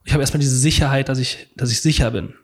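A man telling a story in casual conversation, animated, vocalizing sounds and repeating words as he goes. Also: mid-range voice, fast.

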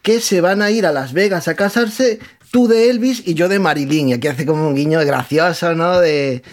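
High-voiced guy hosting radio, laughing, doing mocking voices. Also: moderate pace. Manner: joking, frequent laughter, mocking falsetto imitations. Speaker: radio host. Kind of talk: humorous music commentary.

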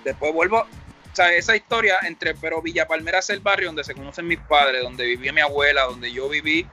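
A man's voice: on the high side, steady tone, fairly quick, sharp tone, faint music behind. A middle-aged man with a Puerto Rican Spanish accent, a rapper telling his story in a casual interview, rambling and reflective, acting out the dialogue he quotes. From Puerto Rico.

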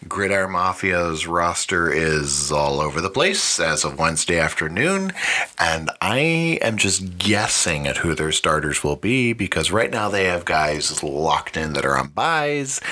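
A man's voice: sits low, sharp tone. A man hosting a podcast, giving fantasy football matchup commentary in a wry, mock-dramatic announcing manner. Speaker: podcast host.

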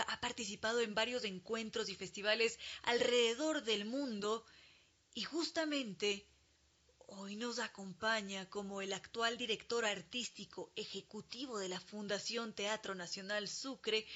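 Bright-voiced woman hosting an interview. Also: on the high side, muffled recording. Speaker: radio host interviewing a guest. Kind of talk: formal interview introduction.

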